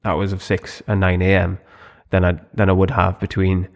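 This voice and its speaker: Podcast co-host: young man, low voice, easygoing and rambling. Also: moderate pace, vocal fry. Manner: relaxed, rambling with fillers and restarts. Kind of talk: casual chat.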